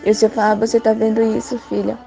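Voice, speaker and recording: Young woman from Brazil, church testimony, flat mellow voice, halting delivery, soft music underneath. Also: a little high, creaky. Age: young adult. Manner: halting, repetitive, many restarts and fillers. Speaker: church member giving testimony. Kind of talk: spoken testimony of a vision.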